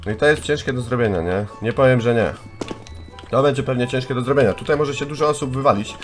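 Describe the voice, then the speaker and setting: A Polish gaming YouTuber in his twenties delivers chatty, excitable live commentary on a contest, addressing his viewers directly. His voice is medium-pitched and fast, with soft music in the background.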